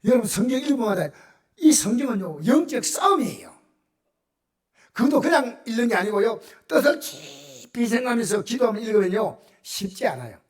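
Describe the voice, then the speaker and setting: Middle-aged Gyeongsang-accented pastor, high voice, very lively sermon delivery with bursts of shouting and sudden hushes. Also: male voice. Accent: Gyeongsang Korean. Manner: animated, shifts from loud cries to near-whispers. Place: church sanctuary.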